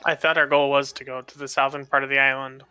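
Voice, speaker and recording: A blunt, profane man chats casually as a player at a tabletop game. His voice is very bright and crisply clear, recorded dry and close. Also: mid-range voice, flat delivery, quick pace, no room sound, faint music behind.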